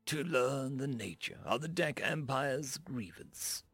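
Brief: composed human ambassador, measured and dignified, as a male narrator puts him on; gravelly voice, dry close sound. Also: mid-range voice, no room sound, faint music behind, heavily acted. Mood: calm dignified. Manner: calm, measured, slow.

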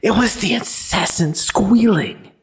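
A man voicing a disturbed, mournful old man who mutters in a low voice. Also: expressive, unhurried, gravelly. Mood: frantic.

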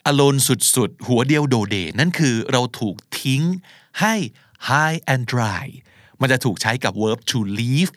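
A man's voice: mid-range voice, takes it slowly, fairly bright tone, dry recording, clean studio sound. A man from Thailand teaching English vocabulary in a casual, chatty lesson, mixing English terms into his explanations.

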